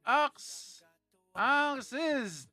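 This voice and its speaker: A man's voice: very high-pitched, lively intonation, drawn-out words, pushed and bright, soft background music. A man hosting a casual livestream, chatting with viewers in a playful, teasing way and laughing often. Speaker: livestream host.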